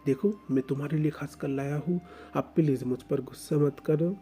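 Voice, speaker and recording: A man voicing a possessive young fiancé who talks in a soft, coaxing, soothing way. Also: a little high, steady tone, normal speed, slight background noise, close to an everyday voice.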